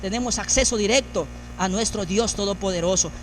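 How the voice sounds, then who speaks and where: A man's voice: sits high, fairly quick, a little hiss or hum. A man preaching a sermon as pastor, building emphasis through repeated phrases. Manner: preaching with rising, emphatic repetition.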